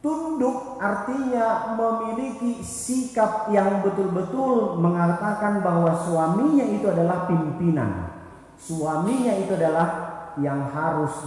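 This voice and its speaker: Pastor guy preaching, kinda high voice, big echoey church hall with long reverb. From Indonesia. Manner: lively, swings from loud emphasis to soft asides. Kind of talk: sermon.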